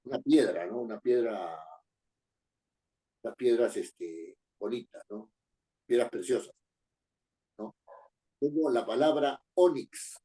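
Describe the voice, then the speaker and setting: Male teacher, lively mellow voice, repeats points and quizzes the class. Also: medium pitch, takes it slowly, pauses often. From Peru. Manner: repeats key phrases, asks the class rhetorical questions. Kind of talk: spoken lesson on writing and accent marks.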